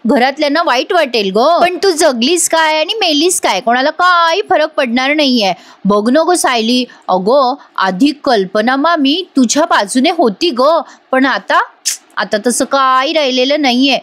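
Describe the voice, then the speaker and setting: A woman putting on a shrill scheming young woman. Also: animated, measured pace, a bit bright, no room sound. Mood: taunting. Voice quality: high, sneering, sing-song taunts.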